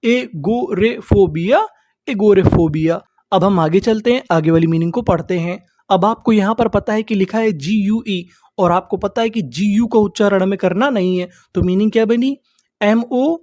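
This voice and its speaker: Woman, English teacher, mellow voice, spells words letter by letter, asks then answers, dry recording. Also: medium pitch, no echo, muffled recording. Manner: drags out key words slowly. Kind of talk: spelling-out pronunciation lesson.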